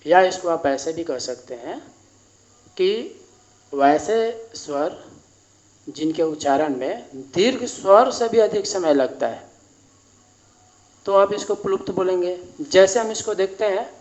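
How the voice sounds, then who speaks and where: A man teaching a grammar lesson at a board, explaining slowly and repeating each definition. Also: high-pitched, lively intonation, a little mellow, low-quality recording.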